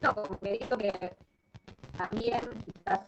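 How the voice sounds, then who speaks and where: Woman, video call participant, choppy buffering audio, hesitant, muffled low-fi line. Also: steady tone, measured pace, noisy background. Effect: choppy, breaking-up video call audio.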